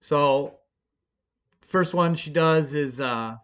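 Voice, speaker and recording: Bright-voiced man telling a rambling story. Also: on the high side, drawn-out words, clear, resonant tone. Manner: profane, rambling, self-mocking; fillers and restarts, bursts of excited shouting. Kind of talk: casual storytelling vlog.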